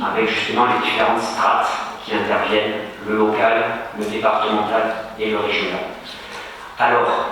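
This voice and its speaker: A male lecturer from France speaks in a bright, clear voice, measured and explanatory. He is recorded from far off in a big, echoey lecture hall with a faint hiss behind him. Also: medium pitch. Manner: measured, explanatory, slows on key terms. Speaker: university lecturer. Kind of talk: academic lecture to students.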